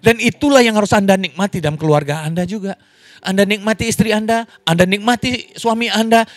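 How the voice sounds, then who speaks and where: A man preaching a lively sermon as pastor, in an online church service, joking and laughing with the congregation. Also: fairly quick, dry recording, faint music behind. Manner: animated, wide pitch swings, jokes and laughs.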